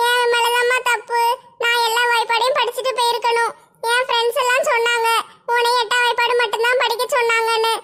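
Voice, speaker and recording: A whimpering little schoolgirl, as an actor voices her in a comic cartoon. She pleads slowly and tearfully in a tiny, very high, bright voice. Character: whiny tearful little schoolgirl, younger sister.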